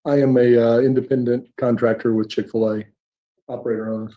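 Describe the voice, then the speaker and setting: A man's voice: mid-range voice, flat delivery, fairly quick, dark tone. A man in his sixties answering questions as a sworn witness in short, formal replies, heard on a courtroom recording. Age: 60s. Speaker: trial witness.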